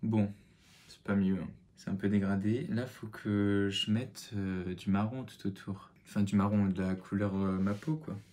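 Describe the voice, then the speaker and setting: A man's voice: on the low side, steady tone, normal speed, dark tone. A young man chatting through a makeup tutorial at home, self-mocking and muttering as he works. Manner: self-mocking, mutters and sighs at own mistakes. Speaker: makeup vlogger. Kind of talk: casual makeup tutorial chat.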